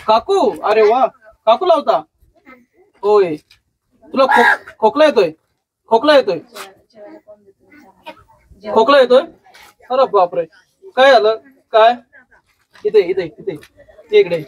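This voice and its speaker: A woman's voice: on the high side, big pitch swings, slow pace, long pauses, husky, dry recording, rough recording. A woman coaxing a pet crow to speak, repeating single words in a sing-song, patient way. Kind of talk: coaxing talk to a pet bird.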